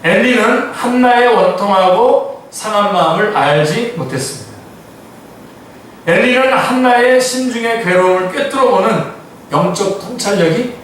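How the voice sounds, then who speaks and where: A man's voice: high voice, fairly bright tone, slight background noise. A man who is a pastor, reading scripture aloud and explaining it to his congregation in an afternoon Bible study, often asking them questions. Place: church sanctuary. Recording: echoey church hall, mic from far off.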